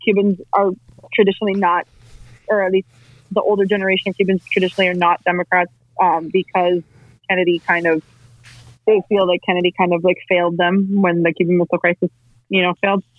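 A woman's voice: lowish voice, level tone, fast talker, no room sound. A woman on a conference call whose audio breaks up, talking candidly, swearing casually and poking fun at herself. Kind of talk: casual discussion. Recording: tinny call line, dry.

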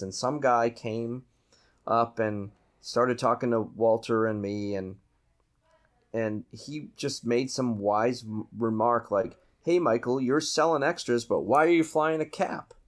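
A man with a Boston accent telling an anecdote casually as a podcast guest, with teasing asides. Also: medium pitch. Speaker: podcast guest, aerobatic pilot.

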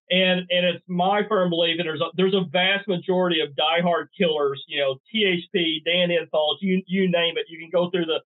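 Middle-aged man, folksy and drily sarcastic, fairly high voice, tinny phone-line sound. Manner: folksy, dry sarcastic humor. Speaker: guest bowhunter. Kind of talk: podcast interview.

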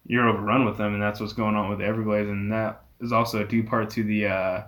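A man's voice: on the low side, level tone, fairly quick, fairly bright tone. A man being interviewed as a guest, explaining things casually in a rambling, filler-heavy way. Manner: rambling, peppered with "you know". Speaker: interview guest, reptile rescue owner.

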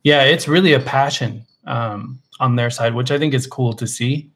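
A man co-hosting a podcast in casual chat, relaxed and enthusiastic, with lots of fillers and restarts. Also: mid-range voice, moderate pace, husky. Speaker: podcast co-host.

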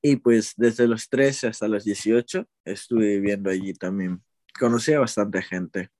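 A young man from Ecuador, interviewed in a casual conversation, talks a little slowly in a lowish voice. His manner is relaxed and rambling, full of hesitations and self-corrections. It's a dry, studio-quality recording.

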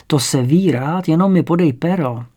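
A man reading the lines of a frail, kindly old comic actor lying in bed, slow and gentle. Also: on the high side, close to an everyday voice.

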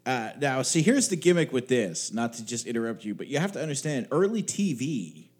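A man's voice: medium pitch, big pitch swings, brisk, a little mellow, breathy edge. A man co-hosting a podcast, chatting casually in a wry, rambling way with some swearing. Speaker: podcast co-host. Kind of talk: casual chat.

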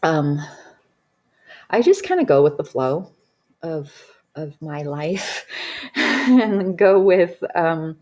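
A woman in her thirties speaks with a notably low voice. She tells her story casually as a healing practitioner, rambling along with frequent fillers and restarts. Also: sing-song, slow, long pauses, darkish tone. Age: 30s.

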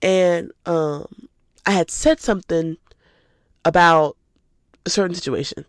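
Speaking a little slowly in a fairly low voice, an eighteen-year-old woman from Atlanta, Georgia hosts a podcast of casual, rambling chat, laughing easily despite sounding stuffy with a cold. The audio is studio quality with no echo.

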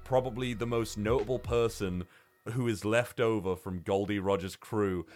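A man hosts a podcast of casual film review chat, rambling along and swearing plenty. His voice is fairly low and darkish, with fairly even intonation and normal speed, over soft background music.

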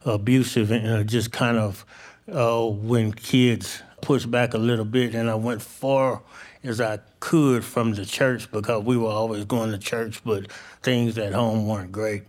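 A man from Arkansas, telling his story candidly and informally as a guest on stage, in halting phrases. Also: lowish voice, steady tone, darkish tone. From Arkansas, United States. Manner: plain-spoken, informal, halting. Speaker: interview guest, barbecue cook. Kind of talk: candid personal storytelling in a live interview. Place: on stage at a live show.

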